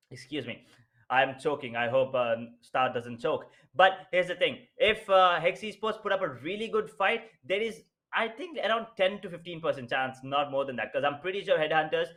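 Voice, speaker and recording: A man's voice: on the high side, fairly bright tone. A young man, giving chatty live analysis as co-caster of an esports match. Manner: chatty analysis, asks rhetorical questions.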